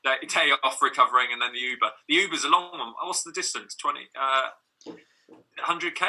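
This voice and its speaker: A man's voice: mid-range voice, fairly quick, sharp tone. A man hosting a casual video call chat, playful and teasing, laughing a lot.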